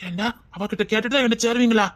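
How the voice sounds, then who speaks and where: A woman's voice: fairly high pitch, racing, lightly acted. A woman playing a regretful village uncle. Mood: pleading. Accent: Tirunelveli Tamil. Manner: brooding, self-reproaching. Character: regretful grown man, the children's uncle. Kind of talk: village comedy skit.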